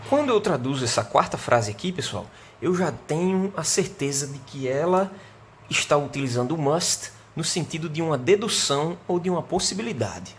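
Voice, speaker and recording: A Brazilian man teaching an English grammar lesson online. He explains patiently, keeps asking "né?" and "certo?", and slows down to model the English sentences. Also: a little high, vocal fry, slight background noise. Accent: Brazilian Portuguese.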